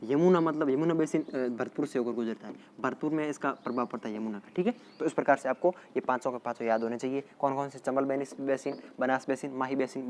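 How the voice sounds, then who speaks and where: A male teacher, dictating a geography lesson slowly and repeating place names often. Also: mid-range voice, a little mellow, a little hiss or hum. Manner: slow, repetitive dictation with frequent "theek hai" check-ins. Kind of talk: exam-prep geography lesson.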